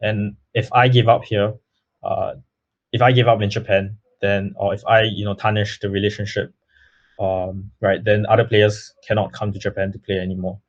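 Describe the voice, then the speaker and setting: Guesting in an interview, the young Singaporean baseball player speaks in a fairly low, level voice at a moderate pace. He answers earnestly but with many fillers and restarts, recorded in slightly muffled lo-fi sound.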